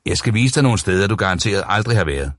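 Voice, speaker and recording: Guy doing a big cheerful pushy flirt, deep voice, breezy. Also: animated, no echo, studio quality.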